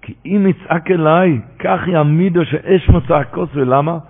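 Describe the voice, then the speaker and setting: Gravelly man lecturing over tinny radio. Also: fairly high pitch. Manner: animated, rising to emphatic preaching. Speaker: Torah teacher. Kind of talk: religious lecture on Talmud commentary. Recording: tinny phone-line radio broadcast.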